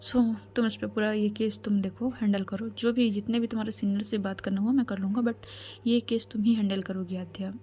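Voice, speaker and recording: A worried older brother gives firm, earnest instructions, as a woman storyteller reads him in her own voice. The tone is mellow and sits at a middle pitch. He comes across as protective. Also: steady tone, brisk, slight background noise, close to an everyday voice. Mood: concerned.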